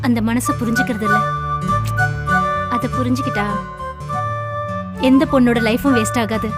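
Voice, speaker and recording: A woman's voice: on the high side, fairly even intonation, moderate pace, loud music behind the voice, close to an everyday voice. An actress playing a spirited young college woman who speaks forthrightly and lectures her friend, in film dialogue. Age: young adult. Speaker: college student.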